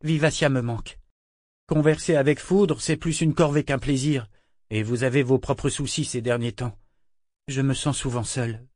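A man's voice: medium pitch, fairly even intonation, normal speed, a little mellow, no room sound, lightly acted. Young man, lonely and sheepish, read by the narrator, hesitant, dry close read. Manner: hesitant, breaking off.

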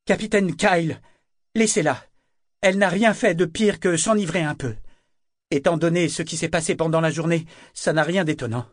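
A man's voice: a little high, moderate pace, dry recording, clean studio sound, voice pushed up, close to an everyday voice. A man reading an audiobook, voicing a young sailor who urgently pleads with his captain. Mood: pleading.

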